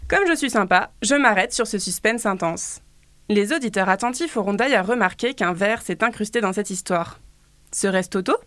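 A woman's voice: mid-range voice, normal speed, no room sound. A woman presenting children's books for a library, in a playful scripted style with teasing asides. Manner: reads children's book aloud with animated cries. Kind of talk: scripted radio book review.

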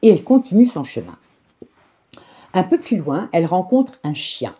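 A woman reading a children's story aloud in a measured, expressive way. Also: on the low side, husky, highs cut off.

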